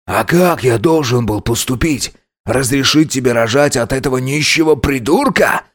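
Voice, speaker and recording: A man voicing a domineering older father in an audiobook, slow, cold and contemptuous. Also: mid-range voice, pitched above the performer's own voice, natural voice. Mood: scornful. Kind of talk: audiobook character voice.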